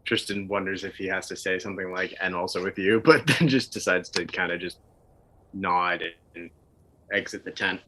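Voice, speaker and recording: A man's voice: low-pitched, normal speed, sharp tone. A man playing a tabletop game, wry and playful in banter and in character. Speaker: player. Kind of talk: casual tabletop role-play.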